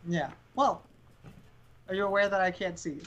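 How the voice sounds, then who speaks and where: A woman's voice: mid-range voice, moderate pace, muffled recording, close to an everyday voice. A woman playing a very old, frail, affable king in a tabletop game, talking in a chatty, offhand way. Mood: mildly protesting. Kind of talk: tabletop role-play.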